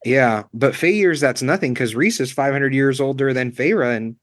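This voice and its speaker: A man's voice: mid-range voice, moderate pace, no echo. A man chats with friends about a book, asking questions and repeating bits of his sentences as he works out his point. His voice sits in an ordinary middle range, with a dry sound. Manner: inquisitive, repeats his phrases while thinking. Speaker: book discussion co-host. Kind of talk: casual book club chat.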